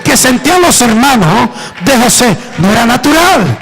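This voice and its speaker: A man's voice: very high voice, very animated, moderate pace, a bit bright, soft background music, poor audio. A male pastor preaching an impassioned sermon to a church congregation, with emphatic calls for the listeners to respond.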